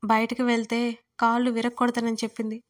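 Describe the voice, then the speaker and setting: A woman's voice: fairly high pitch, completely flat delivery, a little fast, close to an everyday voice. A woman voicing a feisty, playful young woman who sulks and talks back with sarcasm, in a storybook reading. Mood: sulky. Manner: sulky, sarcastic.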